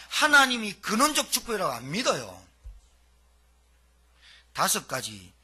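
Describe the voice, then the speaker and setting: A middle-aged male pastor preaching a sermon, asking rhetorical questions and swinging between loud emphatic lines and quiet ones. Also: high voice, husky.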